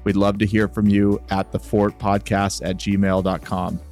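Low, even-toned male podcast host. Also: unhurried, soft background music. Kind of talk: podcast hosting.

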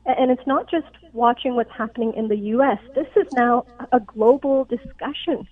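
A woman doctor from Pakistan speaks by phone as a radio interview guest, her sound tinny. She is earnest and explanatory and often checks in with "right?", in a fairly high voice at a moderate pace.

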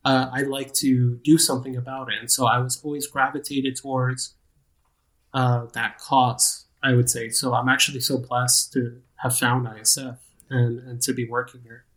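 A man's voice: medium pitch, little pitch movement, normal speed, fairly bright tone. A man in his thirties talks as a podcast guest, loose and conversational. He rambles and restarts often, poking fun at himself along the way. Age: 30s. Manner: rambling, self-deprecating, frequent restarts. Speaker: guest, nonprofit program manager. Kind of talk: casual interview chat.

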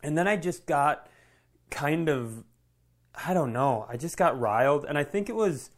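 On a comedy podcast, a man tells a story casually and with lots of animation, swearing freely and acting out the quoted dialogue. His voice is on the high side and unhurried.

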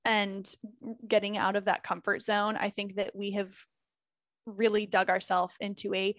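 A woman's voice: medium pitch, flat delivery, measured pace, dry recording, clean studio sound. A woman speaking candidly and emphatically as a guest in a casual interview, swearing freely as she makes her points. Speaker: former group fitness instructor.

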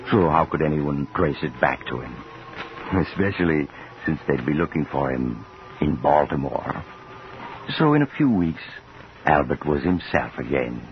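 Very deep male radio narrator. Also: very animated, normal speed. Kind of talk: scripted radio drama narration. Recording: muffled old radio recording, faint hiss.

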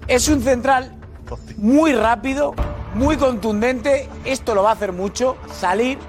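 A man breaks down a player's game for a studio panel, his voice sitting high for a man. Soft music runs faintly underneath. He talks through the footage calmly and methodically. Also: measured pace. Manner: analytical, describing footage. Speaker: football pundit. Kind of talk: studio sports debate.

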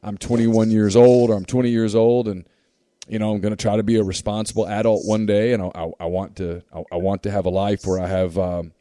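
Male podcast host, rambly questioner, mellow low voice, dry close sound. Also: fairly quick, no room sound. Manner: rambling, repeats words when excited. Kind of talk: casual interview chat.

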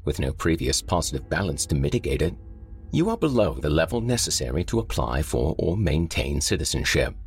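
A man voicing a calm, polite artificial facility voice that soothes a prisoner in an even, machine-like manner. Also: extremely low pitch, fairly quick, breathy edge, soft background music, heavily acted. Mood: soothing. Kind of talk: storybook horror narration.

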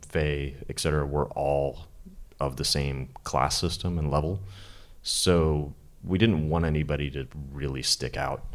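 A man on a panel answering audience questions about his sound mixing work, in a relaxed, technical way with frequent ums. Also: rumbling low. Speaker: re-recording mixer on a panel.

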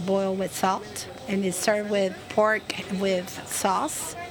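A woman working as a live interpreter voice, putting a Spanish speaker's words into English in a halting way, with fillers and restarts. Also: medium pitch, flat delivery, a crowd in the background. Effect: live interpreter voice, rendering a Spanish speaker's words into English. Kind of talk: consecutive spoken interpretation.

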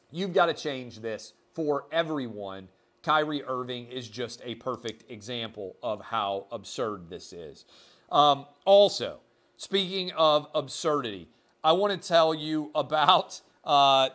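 A man's voice: mid-range voice, fairly bright tone. Emphatic indignant male podcast host. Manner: emphatic, indignant, with sarcastic asides. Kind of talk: solo opinion podcast monologue.

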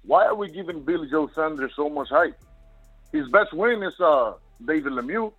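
A man's voice: on the high side, lively intonation, normal speed. A man from Boston calling in to a sports show, casually arguing and challenging with questions. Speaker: caller to boxing show. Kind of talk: casual argumentative phone-in. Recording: husky tinny phone line, faint music.

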